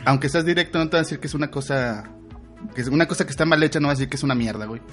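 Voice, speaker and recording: A man's voice: a little high, rapid-fire, faint music behind. A man with a Mexican accent, co-hosting a podcast and teasing the others in slangy banter. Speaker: podcast co-host.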